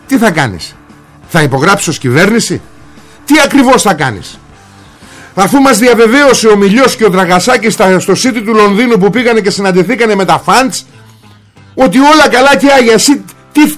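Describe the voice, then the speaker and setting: Sarcastic high-voiced man ranting. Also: fairly bright tone. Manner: sarcastic, mocking, rhetorical questions. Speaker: political commentator host. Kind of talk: ranting political commentary.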